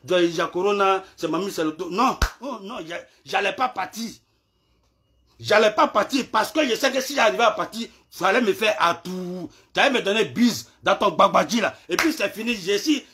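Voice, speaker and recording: Man, high-pitched, bright tone, taunting live rant, repetitive, loud outbursts and low mutters. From Ivory Coast. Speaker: social media clasher.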